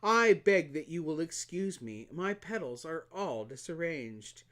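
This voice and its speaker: Male reader doing a preening storybook flower, pitched well above his own voice, louder, sweetly demanding. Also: sing-song, measured pace. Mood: vain. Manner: sweet, affected, theatrical. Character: vain coquettish flower, female, delicate and demanding.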